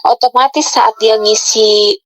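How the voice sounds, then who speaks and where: A woman's voice: on the high side, fairly even intonation, measured pace, fairly bright tone, dry recording. A middle-aged woman telling her own story in an interview, earnest and repetitive, often turning to address the host. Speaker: interviewee, borrower in debt. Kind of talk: candid personal account.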